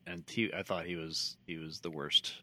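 A man co-hosting a casual podcast about movies, relaxed and prone to trailing off, then ranting when critical. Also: low-pitched, normal speed, no echo. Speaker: podcast co-host.

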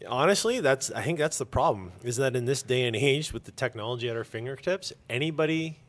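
A comic book store owner, guesting on a casual interview, talks in a medium-pitched, expressive voice at a fairly quick clip. He's candid and jokey, with emphatic and sometimes crude wording.

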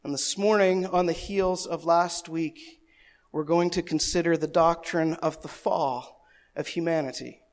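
A man with a notably high voice leads a church service as its pastor. He prays softly and then preaches with energy, leaning hard on key words. He drops in playful jokes at his own expense. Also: unhurried. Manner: lively preaching, swinging between soft prayer and loud emphasis; playful asides and self-teasing humor. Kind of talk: sermon.

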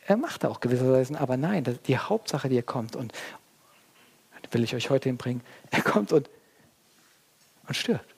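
A man preaching a sermon as pastor, talking straight to his congregation and swinging between hushed, quiet passages and loud, excited ones. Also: medium pitch, moderate pace, gravelly, pauses often, slightly rough.

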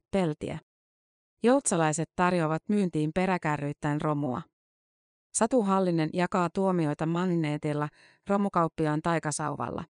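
A woman reporter reading a scripted news-feature narration in a measured, matter-of-fact way. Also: fairly low pitch, clean tone, no room sound, studio quality.

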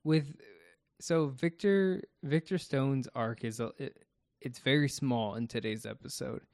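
A man's voice: mid-range voice, measured pace, darkish tone, no echo. A man co-hosting a casual podcast, talking through his thoughts about a TV episode one step at a time. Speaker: podcast co-host.

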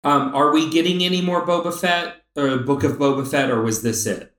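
A man co-hosting a podcast, talking thoughtfully about a TV series with drawn-out phrasing and fillers. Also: a little high, fairly even intonation, fairly bright tone. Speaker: podcast co-host. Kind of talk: casual chat about a TV series.

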